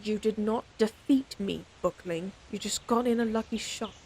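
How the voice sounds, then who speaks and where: In an audio roleplay addressed to the listener, a woman plays a proud, stern lady knight who scolds her companion with exasperation that hides fondness, sounding defensive and haughty. Her voice is mid-range, a little mellow and natural, at normal speed. The audio is poor, with a little hiss or hum.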